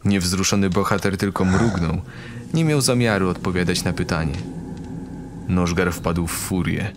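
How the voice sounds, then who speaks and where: A low-voiced man narrates a scripted fantasy audio drama in a dramatic storytelling style at a moderate pace. Loud background music and other background noise play behind him.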